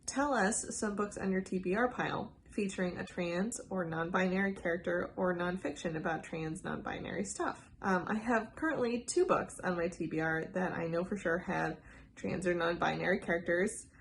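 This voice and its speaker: Speaking at a moderate pace in a fairly low voice, this book vlogger films a casual book tag video with some slight background noise. Though congested and under the weather from a cold, she stays chatty and enthusiastic, using lots of fillers.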